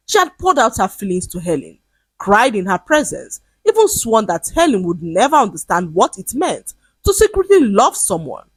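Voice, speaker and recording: A woman narrating a moral folktale in a lively, expressive way. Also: mid-range voice, husky, no room sound. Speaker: storyteller.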